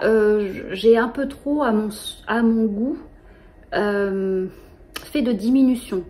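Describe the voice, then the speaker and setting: Give me a middle-aged woman hosting a knitting vlog, warm low tone, hesitant. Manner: hesitant, many fillers. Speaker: knitting podcast host. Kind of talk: casual show-and-tell.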